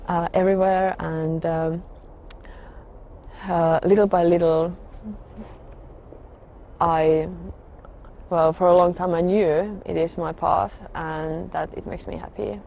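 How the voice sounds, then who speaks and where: Slow, hesitant woman. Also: on the low side, vocal fry, warm tone, slight background noise. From Finland. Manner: hesitant, halting, with frequent pauses and fillers. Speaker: religious convert sharing her story. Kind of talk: personal testimony.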